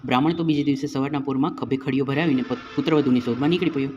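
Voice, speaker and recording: A man narrating a devotional folk tale in a calm, measured storytelling way. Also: medium pitch, dull audio, slight background noise.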